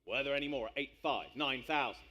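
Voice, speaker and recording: A man working as an auctioneer, calling bids live in a brisk patter of repeated numbers. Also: medium pitch, pushed and bright.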